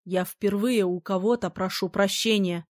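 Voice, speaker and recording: A woman's voice: medium pitch, fairly even intonation, moderate pace, no room sound, clean studio sound, natural voice. A woman reading the lines of a domineering male battle mage, commanding and silky by turns. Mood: softened. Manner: commanding, then silky and menacing.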